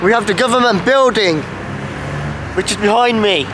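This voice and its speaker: Guy doing a travel vlog outside in freezing weather, highish voice, shivery, light street noise behind. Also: normal speed. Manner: chatty, informative, self-filming. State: shivering with cold. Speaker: travel vlogger. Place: outdoors in a city street in winter.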